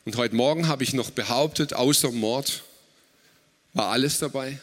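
A man preaching a sermon at a church service, slow and emphatic, setting out words one by one. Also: mid-range voice, a bit bright, in a large hall.

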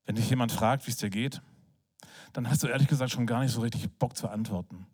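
A man preaching in a conversational, animated way, telling a personal story with filler words, then praying softly. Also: mid-range voice, quick pace, breathy edge. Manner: soft, hushed prayer. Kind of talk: sermon with personal story and prayer.

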